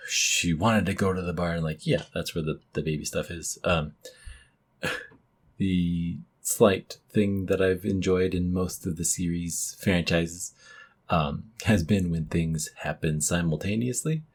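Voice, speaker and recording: A man co-hosting a casual movie podcast, thoughtful, breaking into loud emphatic bursts now and then. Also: deep voice, fairly even intonation, slow, husky. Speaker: podcast co-host.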